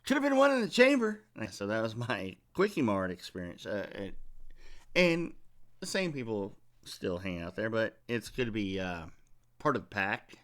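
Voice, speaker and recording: A man's voice: fairly low pitch, lively intonation, unhurried, a bit bright. A man hosting a comedy podcast, telling a rambling, profane story in a loose, casual way. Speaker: podcast host.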